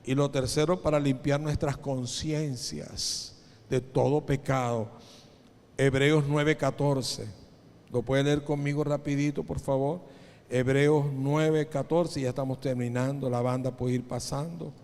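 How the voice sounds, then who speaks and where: A man preaching a sermon as pastor. He speaks directly to his congregation and reads scripture slowly. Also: medium pitch, fairly even intonation, darkish tone, in a large hall. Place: church auditorium.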